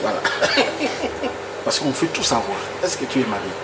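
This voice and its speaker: A male interviewer from Congo works through viewers' questions in a relaxed, conversational way, stumbling and repeating words as he hunts for the right phrase. His voice sits at an ordinary middle pitch. Audible background noise, with an air conditioner humming under him. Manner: halting, repeats words while searching for phrasing. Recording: noisy room with air conditioning.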